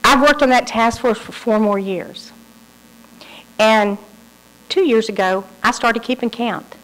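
A woman's voice: fairly high pitch, unhurried, poor audio. A woman giving a lecture, telling stories and acting out the people in them. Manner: lively storyteller acting out quoted people. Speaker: speaker. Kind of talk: lecture with storytelling.

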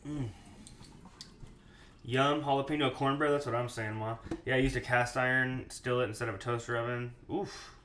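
A man's voice: mid-range voice, little pitch movement, moderate pace, a bit bright, roomy sound. A man in his thirties chatting casually as he cooks in a small home kitchen and answers live chat. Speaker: cooking show host. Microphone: fixed camera mic, host moves around. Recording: noisy kitchen, running water.

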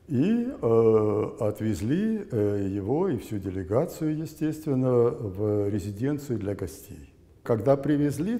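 An elderly man in his eighties reminisces in an interview, speaking deliberately and haltingly with emphatic stresses, in a reverberant room. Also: medium pitch, dark tone. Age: elderly, 80s. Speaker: former interpreter recounting memories. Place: indoor plain room, seated before camera. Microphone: lapel mic. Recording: muffled sound with long room reverb.

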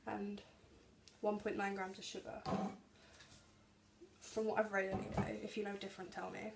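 A woman's voice: mid-range voice, level tone, normal speed, vocal fry. A young woman chatting through a grocery haul vlog in a small home kitchen, reading out labels and calorie counts to a camera at arm's length. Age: young adult. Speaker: vlogger. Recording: echoey kitchen with background noise.

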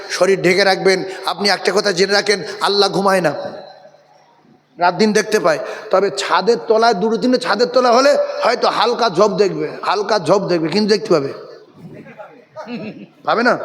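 A man from preaching a lively sermon, playfully telling stories and calling on the crowd to repeat after him. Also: high-pitched, long reverb tail. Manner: animated, calls on the crowd to repeat loudly. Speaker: Islamic preacher. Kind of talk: Bengali waz sermon.

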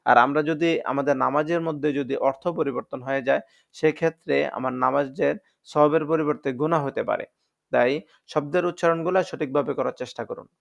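Gravelly man teaching pronunciation. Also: on the high side, steady tone, muffled recording. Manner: drills letter sounds slowly, repeating each one; patient, explanatory, addresses viewers as friends. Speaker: Quran recitation teacher. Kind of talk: step-by-step pronunciation lesson.

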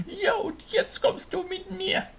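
A man voicing a bossy, mocking, cackling witch in a German children's puppet show, theatrical and shrill. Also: level tone, slow pace, gravelly, a bit bright, full character voice. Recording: noisy home puppet-stage recording.

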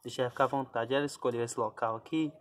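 A man's voice: mid-range voice, fairly even intonation, racing, heavy background noise. A man films his dog giving birth, talking to her in soothing baby talk that often drops to a whisper. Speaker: dog owner filming a birth. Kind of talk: casual vlog narration.

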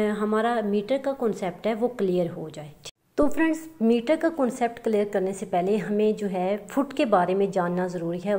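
Female tutor, slightly high voice, patient lesson delivery with frequent check-ins. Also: a little mellow. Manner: addresses listeners as friends, many fillers and "theek hai" checks. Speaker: teacher. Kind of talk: explaining a lesson.

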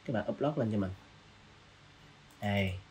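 A man hosting a design software tutorial, casually walking through each step with lots of fillers. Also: fairly low pitch, expressive, unhurried, background noise. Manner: casual, walks through steps with many fillers. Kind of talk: screen-recorded software tutorial.

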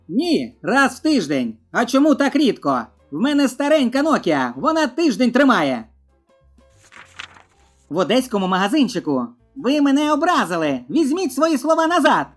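A woman reading a string of short jokes, dropping her voice low for the male characters. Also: a little mellow. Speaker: joke narrator.

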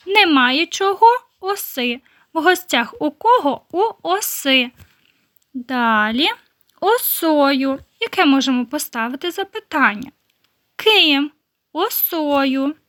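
A woman primary school teacher giving a recorded lesson to young children, slowly and patiently explaining each word. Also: high-pitched, a bit bright.

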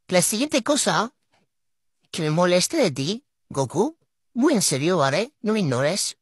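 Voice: medium pitch, no echo, studio quality. A vlogger speaking through a voice changer filter that swaps the apparent gender, scolding their pet to camera in an exasperated, mock-dramatic way. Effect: voice changer filter, gender-swapped sound.

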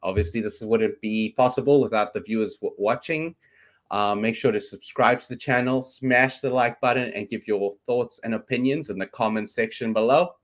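Here a podcast host from South Africa, an Afrikaans-first speaker in his thirties, chats loosely about sports over a video call from home, his bedroom webcam serving as the mic. He speaks at medium pitch and moderate pace, rambling on with frequent ums.

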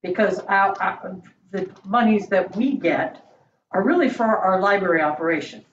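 A woman board member explaining her view at a meeting in a hesitant, halting, measured way. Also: mid-range voice. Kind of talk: deliberative meeting discussion. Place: indoor meeting room around a large table. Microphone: far room mic on a video call. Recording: echoey room, distant mic, dull, faint noise.

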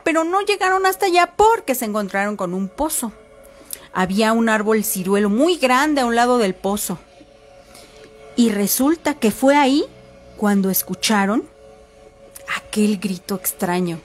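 A woman telling a horror story for a podcast, chatty, with fillers and asides to listeners. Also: a little high.

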